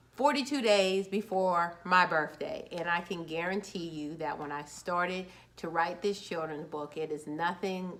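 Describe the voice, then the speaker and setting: A children's book author in her forties talks casually and upbeat to camera in a fairly bright, lowish voice. She's a little nervous and sometimes restarts her words.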